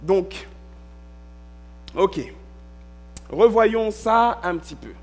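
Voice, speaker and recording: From the pulpit, a male pastor whose voice is unusually high for a man reads a scripture passage and then walks through it step by step in his sermon, pausing often with an "ok" to make sure the congregation is following.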